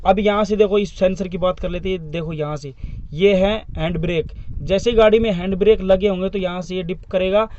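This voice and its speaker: A man's voice: high voice, fairly even intonation, fairly quick, a little mellow, muffled recording. A man acting as a driving instructor, giving a hands-on demonstration inside a truck cab, explaining each part step by step and repeating the terms for his viewers.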